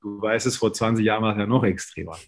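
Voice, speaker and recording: A man in his late thirties from Berlin with a low, gravelly voice and a husky edge. He tells his anecdote in a loose, conversational way and slips into the voices of the people he quotes. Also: quick pace. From Berlin, Germany. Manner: lively anecdotes, acting out quoted dialogue. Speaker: interview guest, sales business leader. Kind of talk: casual storytelling in conversation.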